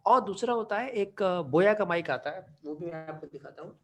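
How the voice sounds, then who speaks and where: A man's voice: high voice, expressive, fairly quick, a bit bright. A man running a live online class, explaining studio gear casually and checking in often with his students, heard through different mics and at times from far off. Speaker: online teaching trainer. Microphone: USB studio mic and headset mic in turn.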